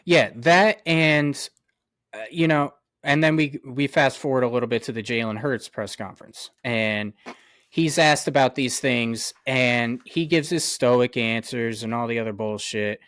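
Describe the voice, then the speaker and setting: A man co-hosting a sports podcast, ranting heatedly with lots of swearing, his voice jumping loud and high. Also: measured pace, dry recording, studio quality. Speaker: podcast co-host. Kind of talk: sports talk rant.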